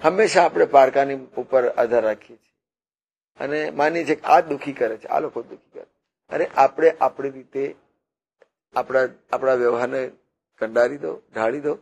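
A man preaching a devotional sermon, teaching slowly and repetitively with rhetorical questions and parables. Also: mid-range voice, vocal fry, a little mellow. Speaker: religious preacher.

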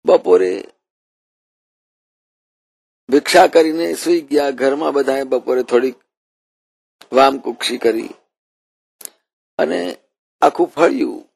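A man's voice: mid-range voice, takes it slowly, gravelly, long pauses, darkish tone, breathy edge, no room sound. A man preaching a devotional sermon, telling a story and often repeating and rephrasing his words. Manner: repeats and rephrases while narrating.

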